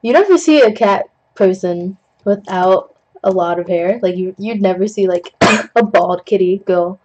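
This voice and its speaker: A young adult digital art tutorial host paints at a desk at home, rambling chattily with self-deprecating jokes and puns and coughing now and then. His mid-range voice is a little slow with a darkish tone. The webcam mic gives a lo-fi sound.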